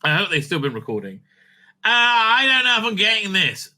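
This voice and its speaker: In a high-pitched voice at a brisk clip, a man riffs through profane, opinionated video commentary with no script, tripping over words and repeating himself in his excitement.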